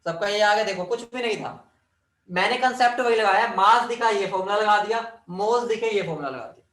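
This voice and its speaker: A man's voice: sits high, fast, a bit bright. A man teaching chemistry in a classroom lecture, quizzing his students and teasing them as he drills formulas. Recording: echoey room, mic at a distance.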